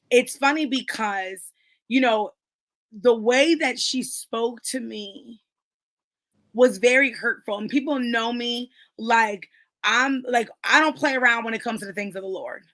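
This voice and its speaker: Animated woman in a church-y book club chat, bright and kinda high, dry sound. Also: slow, no room sound. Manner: animated, conversational, emphatic with many fillers. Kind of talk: casual faith discussion.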